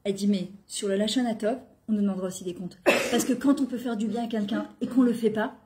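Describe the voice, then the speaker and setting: A middle-aged woman who weaves into her talk. She tells personal stories in a lively way and acts out the dialogue. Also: medium pitch, quick pace, noisy background. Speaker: guest speaker on women's talk show. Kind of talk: animated personal storytelling.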